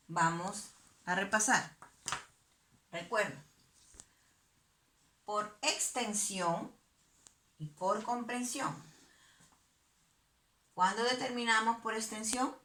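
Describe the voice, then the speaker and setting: A woman's voice: on the low side, a bit bright, echoey room. A woman teacher giving a virtual math lesson to young pupils, patiently asking and answering her own questions. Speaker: primary school teacher.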